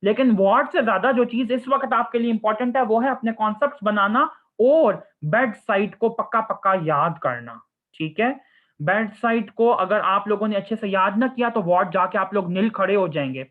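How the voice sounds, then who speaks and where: A man's voice: high voice, moderate pace. Young guy doc answering student questions, mixes in english, keeps saying okay, sounds like a phone line. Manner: mixes English phrases into Hindi-Urdu, calls listeners 'children'; repeats 'ठीक है' often. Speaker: surgery postgraduate resident answering students' questions. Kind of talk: casual advice session. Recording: phone-like narrow audio.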